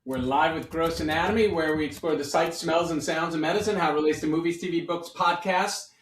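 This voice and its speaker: A man's voice: on the high side, brisk, far from the mic. Chatty man in his fifties, roomy sound. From New York City. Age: 50s. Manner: chatty, playful, rambling with restarts. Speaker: podcast host, doctor. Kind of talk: casual podcast chat. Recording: roomy sound, set back from the mic.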